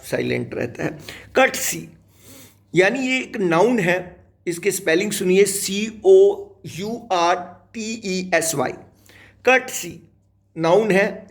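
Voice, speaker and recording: Slow, high-voiced man teaching English. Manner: slow, spells words letter by letter, addresses viewers as dear children. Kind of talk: spoken English lesson.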